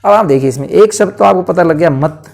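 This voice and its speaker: Hindi-accented man teaching, mellow voice. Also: a little high, gravelly. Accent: Hindi, north Indian. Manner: explains by asking questions and answering them himself; stretches words out slowly to show pronunciation. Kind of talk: board lesson.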